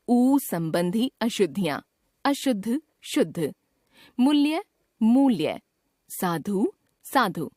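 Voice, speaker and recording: A woman teaching a grammar lesson, reading aloud slowly and deliberately as she spells out each word part by part. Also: medium pitch, no echo, clean studio sound.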